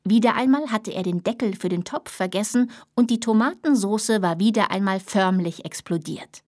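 A woman reading a children's book aloud in a lively, expressive storytelling manner. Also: mid-range voice, moderate pace, dry recording, studio quality. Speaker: narrator.

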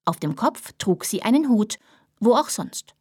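A woman reading a children's book aloud in a lively, expressive storytelling manner. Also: fairly high pitch, unhurried, slightly rough, dry recording, clean studio sound. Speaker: narrator.

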